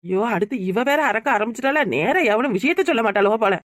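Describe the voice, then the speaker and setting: A woman's voice: on the high side, expressive, fast talker, no room sound, clean studio sound. A woman with a southern Tamil accent, making mocking, sarcastic comments on a cartoon scene. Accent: southern Tamil Nadu. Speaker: comic commentator.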